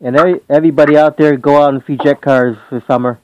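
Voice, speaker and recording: A man's voice: fairly high pitch, steady tone, fast, highs cut off, a little hiss or hum. A man in his forties hosting a casual radio interview, easygoing and asking simple questions. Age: 40s. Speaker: radio show host.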